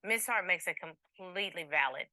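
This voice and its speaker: A woman's voice: fairly low pitch, lively intonation, moderate pace, bright, forceful tone, dry recording, clean studio sound. A woman presiding as a TV court judge, questioning and admonishing in an authoritative, direct way with some playful teasing.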